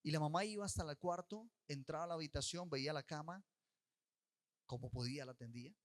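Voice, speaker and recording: A man pastor preaching a sermon. He tells a story and urges his listeners, with sudden shifts between loud and soft. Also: on the high side, brisk.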